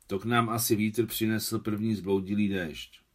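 A man reading out a gruff but caring aging war veteran who talks in short, terse lines. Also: fairly low pitch, steady tone, lightly acted.

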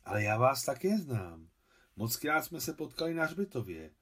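A man's voice: mid-range voice, very animated, a bit bright, breathy edge. A man reading an audiobook, voicing an anxious, tearful young mother who speaks eagerly and with emotion.

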